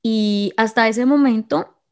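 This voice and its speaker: A woman's voice: on the high side, slow, darkish tone. A woman telling her viewers a personal story in an emotional, confiding way, often restarting her sentences.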